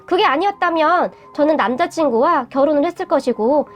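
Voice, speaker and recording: Woman, first-person story narration, high-pitched voice, steady read, soft music behind. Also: brisk. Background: faint background music.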